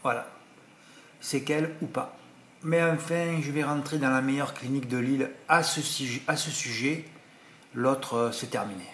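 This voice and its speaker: A man's voice: mid-range voice, normal speed, fairly bright tone, slight background noise. A man from France talking to his viewers in a casual monologue, rambling, repeating himself and sounding indignant. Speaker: vlogger. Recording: roomy echoey recording.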